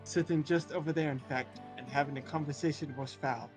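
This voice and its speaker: A man's voice: a little high, fairly even intonation, brisk, natural voice. A man voicing a polite tavern proprietor in a video game, formal and courteous as he tells a story. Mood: courteous, storytelling. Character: polite tavern proprietor telling patrons of a rotten bunch. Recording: loud music under the voice.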